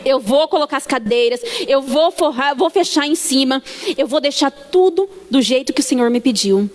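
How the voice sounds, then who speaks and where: A Brazilian woman with a high voice gives an emotional church testimony and acts out each exchange as she tells it. Her voice rings through a church hall with a long reverb behind it. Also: lively intonation, normal speed. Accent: Brazilian Portuguese. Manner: emotional storytelling that acts out dialogue. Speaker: church member giving testimony. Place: church sanctuary.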